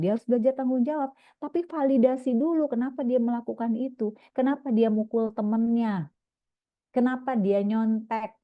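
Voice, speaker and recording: A woman parenting coach giving a lively online seminar talk, acting out little scenes between parents and children. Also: medium pitch, no room sound. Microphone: video call. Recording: dry, phone-like video call audio.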